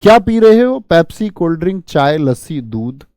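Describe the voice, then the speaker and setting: High-voiced male grammar teacher, dry sound. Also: big pitch swings, moderate pace, a little mellow, no room sound. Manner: drills with rhetorical questions, addresses students as friends. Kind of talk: online grammar class.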